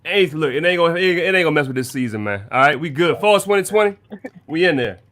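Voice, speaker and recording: Hyped slangy host, a bit high. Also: male voice, animated, fast, a bit bright. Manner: hyped, slangy, keeps saying "you know what I'm saying". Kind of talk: casual chat.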